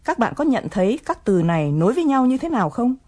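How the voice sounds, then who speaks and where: A woman's voice: on the high side, sing-song, fast, a little mellow, breathy edge. A woman presenting an English lesson, explaining phrases patiently and coaxing learners to repeat them.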